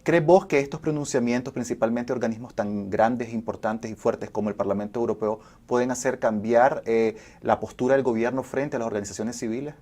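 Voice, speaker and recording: A man's voice: mid-range voice, a little fast, few pauses, mellow. A man hosting a television interview, formal and asking long, structured questions. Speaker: TV show host.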